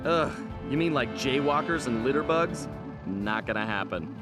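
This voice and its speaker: A man's voice: medium pitch, expressive, moderate pace, natural voice. An actor playing a cool, wisecracking male raccoon thief in a game cutscene, talking wryly. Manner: wry, wisecracking. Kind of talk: video game cutscene acting. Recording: game music underneath.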